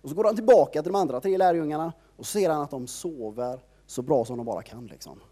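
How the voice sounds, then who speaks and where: A man's voice: a little high, warm tone. A man preaching an informal sermon, retelling a Bible story in a conversational storytelling way and leaning heavily on filler words.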